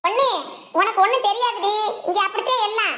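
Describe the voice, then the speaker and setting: A woman's voice: very high-pitched, fast, bright, forceful tone. A woman voicing a scolding village mother-in-law in a cartoon, with a southern Tamil Nadu dialect and a nagging, reproachful manner. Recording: roomy echo.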